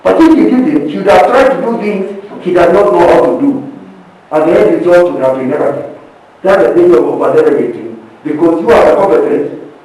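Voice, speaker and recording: High-voiced man teaching in an echoey room. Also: a little mellow. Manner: emphatic, repeats key points, checks in with the group. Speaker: leadership teacher leading a group session. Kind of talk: interactive teaching session. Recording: echoey room, distant from the mic.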